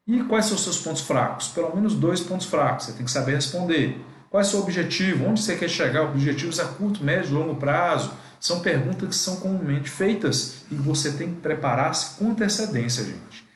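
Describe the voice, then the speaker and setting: Brazilian male teacher, slightly high voice, didactic, echoey room. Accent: Brazilian Portuguese. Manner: didactic, addresses students as "gente". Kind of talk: live online class.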